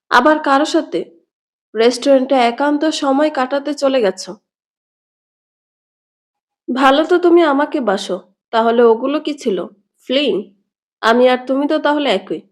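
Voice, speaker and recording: A desperate young lover who pleads and reproaches by turns, as a woman reads his part. He sounds high for a man, and the delivery is a storybook reading rather than full acting. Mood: indignant.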